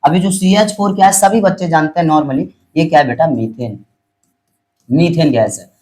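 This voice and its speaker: A man whose voice is a little high and a little mellow teaches chemistry on a rough recording. Patient and repetitive, he works through each step, calls students "beta," and checks that they're following. He slows down to spell out chemical formulas.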